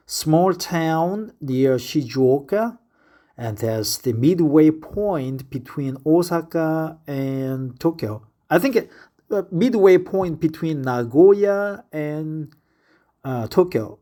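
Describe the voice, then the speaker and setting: This vlogger is a native Korean speaker in his fifties from Korea, with a Korean accent, a fairly high voice, and a warm tone. He alternates between reading aloud and chatting casually in a spoken diary, often pausing and filling gaps with hesitation sounds.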